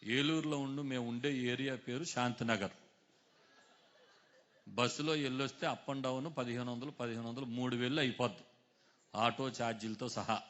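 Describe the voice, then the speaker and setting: A man preaching a sermon, calling on his congregation to answer aloud, dropping low and then rising to loud exhortation. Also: steady tone, normal speed, pauses often. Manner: calls on the congregation to answer loudly, swings between hushed and shouted. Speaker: pastor.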